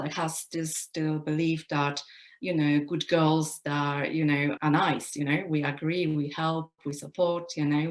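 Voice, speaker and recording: A woman from Poland, a personal development coach, talking reflectively in an interview with many "you know" fillers. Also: sits low. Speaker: guest coach. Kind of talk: casual interview talk.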